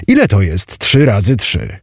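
A man voicing an eager male adventurer hunting treasure, talking in a bright, pleading, questioning way in an audiobook. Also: fairly low pitch, wildly swooping pitch, unhurried, husky, dry recording, clean studio sound, full character voice. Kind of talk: audiobook character voice.

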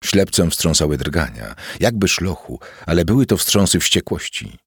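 Give me a male audiobook narrator reading a historical novel, grave and measured, with a very low, husky voice. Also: big pitch swings, no echo, studio quality.

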